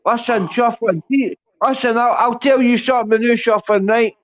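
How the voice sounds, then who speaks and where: A high-voiced man with a rough-and-ready Glasgow street accent argues on a livestream panel. He is confrontational and swears constantly. The sound is a dull, lo-fi voice call. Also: fairly even intonation, normal speed, no echo. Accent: Glasgow Scottish. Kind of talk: heated livestream argument. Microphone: online panel call.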